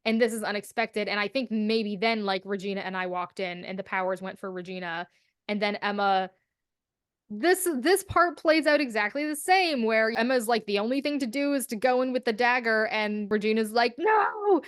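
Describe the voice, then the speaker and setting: A young adult woman co-hosting a podcast, telling a story in casual chat and acting out the quotes with lively swearing. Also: medium pitch, moderate pace, clean tone, dry recording, studio quality. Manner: animated, acts out quotes, swears freely. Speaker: podcast co-host.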